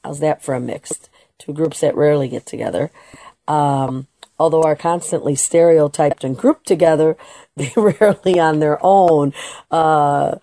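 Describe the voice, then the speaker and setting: Low-pitched and warm, her voice comes through a dry recording as she hosts a political talk radio show. She holds forth emphatically with strong opinions, occasionally restarting and switching into Spanish phrases.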